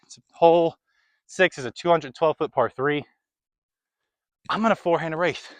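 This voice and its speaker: A slightly high, clear and resonant male voice at a moderate pace, recorded with no room sound. The young man chats through an outdoor disc golf round, a little out of breath, giving casual running commentary between throws.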